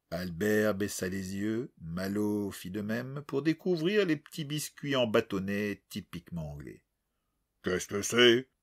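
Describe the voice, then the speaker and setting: A man narrating an audiobook with expressive, dramatic storytelling. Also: lowish voice, husky.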